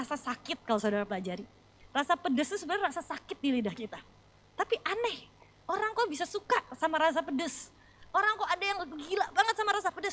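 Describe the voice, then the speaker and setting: A young adult woman pastor delivering a sermon in a very high, bright voice. She tells stories with animated energy, jumping from loud outbursts to soft, hushed reflection. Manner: animated storytelling, lively swings between loud exclamations and soft reflective lines.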